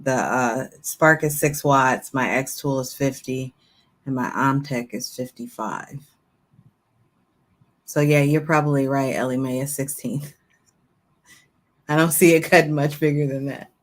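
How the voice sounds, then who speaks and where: A woman's voice: extremely low pitch, fairly even intonation, measured pace, long pauses. A woman chatting casually and explaining things in an emphatic, instructive way as a panelist. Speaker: crafting livestream panelist.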